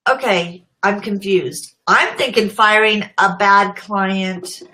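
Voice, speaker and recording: A woman's voice: mid-range voice, slow, bright, forceful tone, slight background noise, poor audio. A middle-aged woman casually chatting on a live stream, laughing often and greeting viewers by name. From United States. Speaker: social media marketing host.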